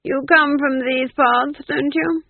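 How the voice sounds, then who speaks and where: A man's voice: very high-pitched, steady tone, slow, vocal fry, dry recording, voice pushed up, full character voice. A man voicing a cold, scheming middle-aged duke, clipped and dryly sarcastic, on tinny audio.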